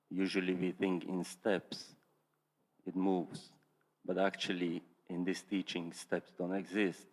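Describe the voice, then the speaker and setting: A man asking a question as a student at a teaching, hesitant and searching for words. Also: deep voice. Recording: long hall reverb.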